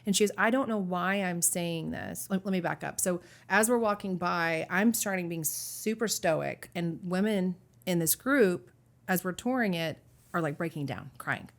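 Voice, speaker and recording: A woman sharing her personal faith testimony as a guest, talking earnestly and haltingly, with many restarts and fillers. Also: on the low side. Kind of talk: candid faith interview.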